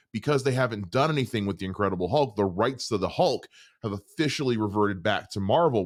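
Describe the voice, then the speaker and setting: A man hosting a trailer reaction show, ranting in exasperated, animated commentary. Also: fairly low pitch. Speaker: host.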